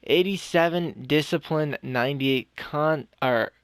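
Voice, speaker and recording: Smooth-voiced young man talking through a video game. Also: on the high side, unhurried, dry recording, studio quality. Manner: rambling, with frequent restarts and self-corrections. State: out of breath. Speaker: gaming YouTuber. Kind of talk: casual game commentary.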